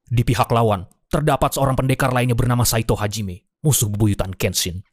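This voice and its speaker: A man's voice: mid-range voice, steady tone, fairly quick, dry recording, studio quality. A man narrating a film plot as a scripted story, in a dramatic but informal storyteller's manner.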